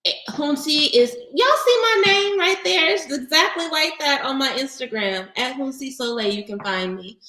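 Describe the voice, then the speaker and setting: A woman's voice: a little high, fairly bright tone, roomy sound, poor audio. A woman doing a livestream tarot reading for her audience, talking in a casual, heartfelt way that gets emotional and close to tears. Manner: emotional, holding back tears. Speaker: tarot reader.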